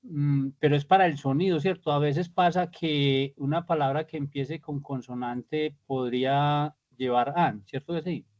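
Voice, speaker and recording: A man's voice: on the high side, steady tone, unhurried, few pauses, darkish tone, dry recording, muffled recording. A man taking part as a student in an online class, asking questions to check that he understands. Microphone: video call.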